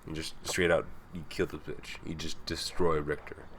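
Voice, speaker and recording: A man's voice: rumbling low, normal speed, slight background noise. A man hosting a casual let's-play, commentating while he plays and swearing offhandedly. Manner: relaxed, rambling, swears casually. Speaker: host playing the game. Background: game music.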